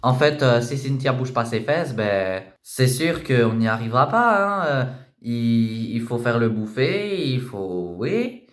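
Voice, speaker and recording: A man voicing an exasperated middle-aged mother who stumbles and hesitates as she scolds, recorded in an echoey room. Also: sing-song. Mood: weary. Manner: low, halting, full of hesitations.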